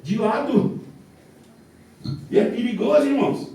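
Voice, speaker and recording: A Brazilian man preaching a fervent sermon that builds to forceful shouting, heard with a cathedral echo in a large church. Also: very high voice, a little slow. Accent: Brazilian Portuguese. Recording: cathedral echo, heavy church reverb from far off.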